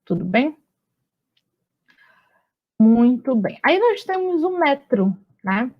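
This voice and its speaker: A woman teacher explaining step by step in a patient, explanatory manner, often checking in with her students. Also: on the high side. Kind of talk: recorded online lesson. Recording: muffled lo-fi audio.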